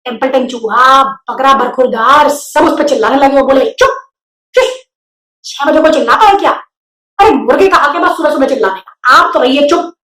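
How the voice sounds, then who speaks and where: A woman's voice: high voice, normal speed, a bit bright. A woman voicing an irritable female goose who scolds impatiently. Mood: scolding. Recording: roomy echo.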